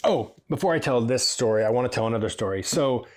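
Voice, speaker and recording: A man from Washington State, USA, who works as a hairdresser and hosts a podcast, speaks in an expressive, mid-range voice with a darkish tone and quick pace. His casual storytelling monologue rambles chattily and livens up when he quotes people.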